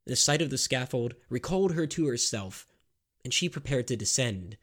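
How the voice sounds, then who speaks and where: A man narrating a scripted history story in a measured, grave storytelling manner. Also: mid-range voice, lively intonation, a bit bright.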